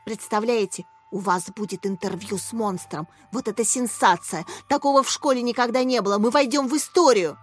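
A woman voicing an eager young schoolboy who chatters excitedly. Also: a little high, brisk, few pauses, faint music behind, natural voice.

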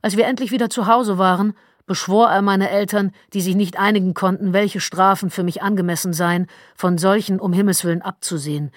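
A woman narrating an audiobook in a measured, wry storytelling manner, close to the mic. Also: medium pitch, fairly even intonation, no echo. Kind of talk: scripted narration.

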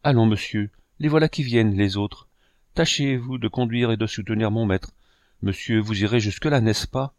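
A man reading an audiobook, voicing a grave young servant woman who talks briskly and confidingly. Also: fairly low pitch, a little mellow, dry recording, studio quality, lightly acted. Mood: urging.

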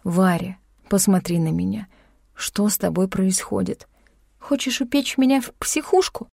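A man's voice: high-pitched, animated, unhurried, creaky, darkish tone, no room sound, clean studio sound, heavily acted. A woman narrator voicing an anxious male doctor in an audiobook, pleading and insistent with a young woman.

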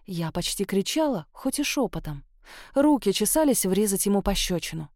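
A woman's voice: mid-range voice, very animated, normal speed, a little mellow, no room sound. Dry, close woman's audiobook voice. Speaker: audiobook narrator. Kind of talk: first-person audiobook narration.

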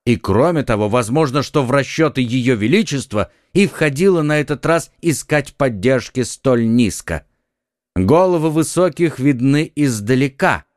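A man reading an audiobook, voicing a quick-witted young swordsman who speaks urgently and takes charge. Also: medium pitch, dry recording, clean studio sound, close to an everyday voice. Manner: earnest, urgent, commanding. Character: quick-witted young male Gascon swordsman, eager leader.

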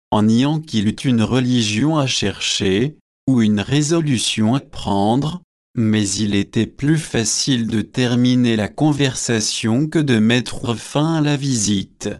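Slow, measured male audiobook narrator. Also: medium pitch, a little mellow, no room sound, studio quality. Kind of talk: audiobook reading of a classic novel.

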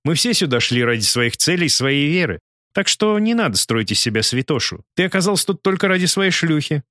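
A man's voice: on the high side, sing-song, fairly quick, sharp tone, no room sound, clean studio sound, voice pushed up. A man voicing a cruel, scheming male villain in an audiobook, with a mocking, sneering manner. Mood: gloating. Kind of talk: audiobook character voice.

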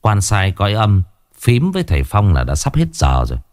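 A man narrating a ghost story in a dramatic, expressive way. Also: on the low side, normal speed, dry recording, studio quality.

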